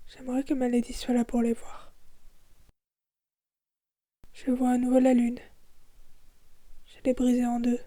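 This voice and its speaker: A woman narrating a first-person audio fiction in a soft, melancholic way. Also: fairly high pitch, dry recording.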